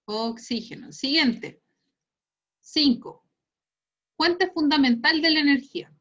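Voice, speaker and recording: Chilean woman, science teacher, higher voice, unhurried, playful teasing delivery, dull online-class sound. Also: fairly bright tone. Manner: teasing, laughs often, explains patiently. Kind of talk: online class quiz review.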